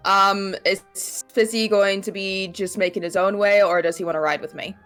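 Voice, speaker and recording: A woman's voice: mid-range voice, fairly even intonation, normal speed, a bit bright, soft background music. A woman playing a tabletop game, speaking in a friendly, reassuring way. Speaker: player. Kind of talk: casual tabletop game chat.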